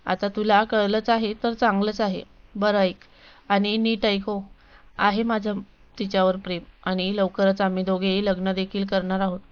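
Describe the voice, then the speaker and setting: A woman voicing an angry, cruel middle-aged husband who shouts scornfully at his wife and daughter. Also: mid-range voice, little pitch movement, moderate pace, clean tone, muffled recording, lightly acted.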